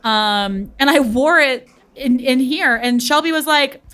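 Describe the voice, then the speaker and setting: A woman's voice: high-pitched, a little slow, fairly bright tone. A young woman co-hosting a podcast, chatting casually with lots of fillers. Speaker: podcast co-host. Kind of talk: casual chat.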